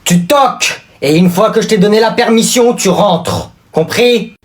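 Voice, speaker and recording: A man's voice: high voice, lively intonation, unhurried. A man doing a curt, bossy headmaster. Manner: curt, commanding. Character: strict, bossy school headmaster. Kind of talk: comedy sketch.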